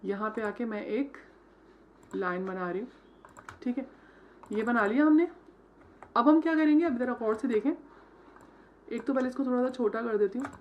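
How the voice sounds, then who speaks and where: On the high side and at a moderate pace with long pauses, a design tutor's voice comes through audio with the highs cut off and slight background noise. In this screen-recorded software tutorial, she builds a logo step by step, speaking Hindi mixed with English and checking in with "theek hai."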